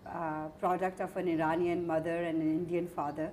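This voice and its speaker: A woman interviewer asking probing questions with quick follow-ups. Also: on the low side, little pitch movement, a little mellow, roomy sound, a little hiss or hum.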